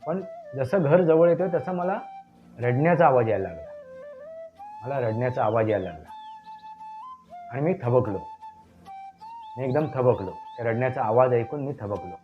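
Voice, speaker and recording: A man narrates a tale in an unhurried, conversational way, circling back over his own phrases to press a point home. His voice sits in an ordinary middle range. The recording is dull and lo-fi, with faint music underneath. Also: mid-range voice. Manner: retells slowly, repeating phrases for emphasis. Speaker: storyteller. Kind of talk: casual spoken storytelling.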